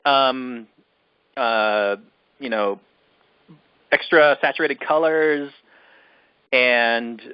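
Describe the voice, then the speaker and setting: A man with a fairly high voice co-hosts a laid-back film podcast, reviewing movies in an exasperated, emphatic rant and repeating himself to drive points home. The audio is dull, with no room sound.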